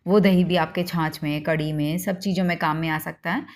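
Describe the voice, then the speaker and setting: A woman's voice: low-pitched, fairly even intonation, moderate pace. A woman hosting a home cooking demonstration, explaining each step to viewers in a homely, instructive way. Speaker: cooking channel host.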